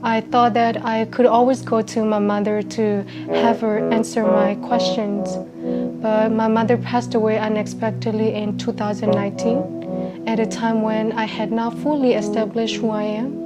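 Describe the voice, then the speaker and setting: A young woman from Burma tells her own story as documentary narration, earnest and measured. Her voice sits fairly high but stays flat and even in pitch. Loud music plays behind her throughout.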